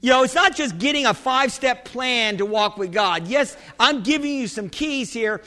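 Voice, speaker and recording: A male pastor delivers an emphatic, exhorting sermon in a very high-pitched, bright and forceful voice. He restarts and repeats phrases as he presses his point and prompts the congregation for amens. Long hall reverb trails his words. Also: normal speed. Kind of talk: church sermon.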